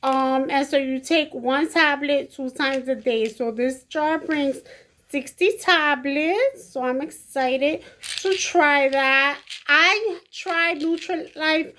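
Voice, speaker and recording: A young adult woman chatting casually to her viewers in an unboxing vlog, excited and talking straight to the camera. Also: high voice, takes it slowly. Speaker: beauty vlogger.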